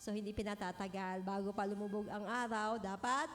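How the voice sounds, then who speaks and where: A middle-aged woman preaching a sermon in a gentle manner, often adding "no po?" as she speaks. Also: medium pitch, steady tone, brisk. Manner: gentle, frequent "no po" tag questions, mixes English phrases. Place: church hall. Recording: long hall reverb.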